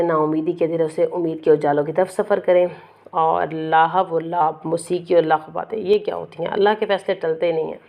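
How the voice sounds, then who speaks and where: A woman's voice: on the low side, creaky, mellow. A middle-aged woman giving an earnest religious lecture, exhorting listeners and asking rhetorical questions. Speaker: Quran lecturer.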